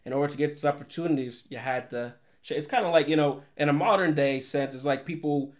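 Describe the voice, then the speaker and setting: A young man from the Boston area hosting a podcast interview, relaxed and joking, often laughing and calling his guest man or bro. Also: on the high side, fast talker. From Mattapan, Boston area. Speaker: podcast host. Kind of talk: casual interview chat.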